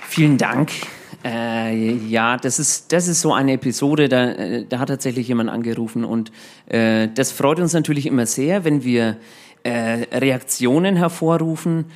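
A man's voice: mid-range voice, moderate pace. A man hosting a live radio show, talking casually and chatty with lots of hesitations and restarts. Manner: chatty, with many filler sounds and restarts.

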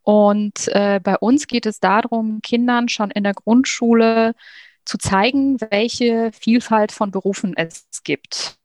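In this dry recording, a woman guest answers interview questions about her work as a program coordinator. Her voice is a little high and darkish, slow and steady, and she hesitates a lot, filling gaps with fillers and small laughs.

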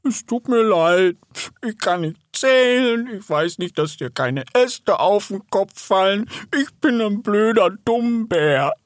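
A big, childlike male bear speaks in a high, slow, plaintive voice, as a man puts him on. He is soft-hearted and quick to fret. The reading is dry and close. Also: expressive, dry recording. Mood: sorrowful.

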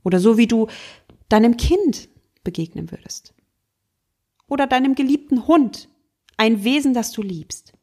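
Breathy, gentle German woman coaching. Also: fairly high pitch, expressive. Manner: gentle and encouraging, speaks straight to the listener, slows for emphasis. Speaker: mindfulness coach and podcast host. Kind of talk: self-help podcast talk.

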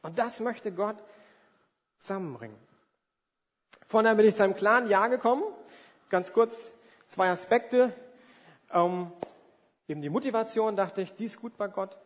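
This sermon comes from a man in his forties whose high-pitched voice moves at a moderate pace with long pauses. He is conversational and emphatic, full of everyday examples, rhetorical questions and acted-out asides, and the recording is in a reverberant hall.

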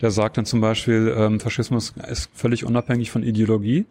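A man answering interview questions, explaining at length and pausing often with fillers and tag questions. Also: fairly low pitch, flat delivery, darkish tone, a little hiss or hum. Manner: hesitant, many filler sounds and tag questions. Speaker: interview guest.

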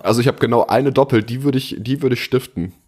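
A man co-hosting a podcast who runs a quiz in casual chat, explaining in a relaxed, rambling way with fillers. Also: medium pitch, fast, husky. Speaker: podcast co-host running a quiz.

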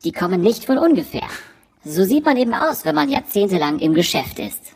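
A woman in a disguised deep voice, voicing an aging, boastful dinosaur who speaks the riddling clues of a quiz. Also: sing-song, brisk, darkish tone, slight background noise. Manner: riddling, rhyming clue delivery. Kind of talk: scripted quiz clue recording. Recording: recording with long hall reverb.

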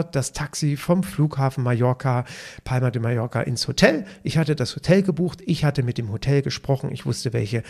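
A man in his fifties with a gravelly, husky voice pitched a little high. He hosts a podcast and tells long anecdotes, slipping into the voices of both people in a conversation. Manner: lively storyteller acting out dialogue, stammers for effect. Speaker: personal trainer, podcast host. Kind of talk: storytelling monologue.

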